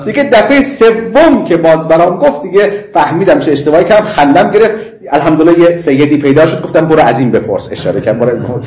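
A middle-aged man lectures students on Islamic law in a roomy, echoing classroom. His voice sits a little high, and he checks often that the class follows him. He moves from Arabic legal formulas to friendly asides. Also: expressive, hardly any pauses, darkish tone. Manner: mixes in Arabic legal phrases, chatty asides and laughter. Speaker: seminary teacher.

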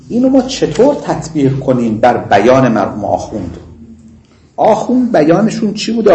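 A man's voice: medium pitch, a little mellow. A middle-aged man teaching a class on Islamic law. He repeats his points, asks whether students follow, slips in Arabic legal phrases and chats with them. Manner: mixes in Arabic legal phrases, chatty asides and laughter. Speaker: seminary teacher. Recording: roomy classroom echo.

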